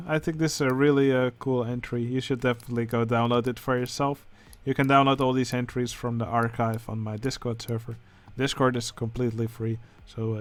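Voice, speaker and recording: A man with a Dutch accent, speaking English as a second language, who hosts a channel and comments casually on game contest entries, pausing often with filler sounds. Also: medium pitch. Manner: hesitant, many filler sounds. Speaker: channel host judging a building contest.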